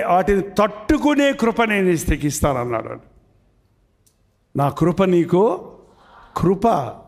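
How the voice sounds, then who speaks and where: A man preaching a sermon, emphatic, repeating phrases and asking the congregation questions. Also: high voice.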